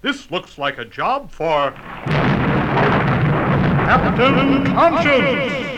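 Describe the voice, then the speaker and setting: A man's voice: very high-pitched, sing-song, drawn-out words, heavy background noise, heavily acted. An actor playing an earnest, formal male superhero in a radio comedy sketch, speechifying politely.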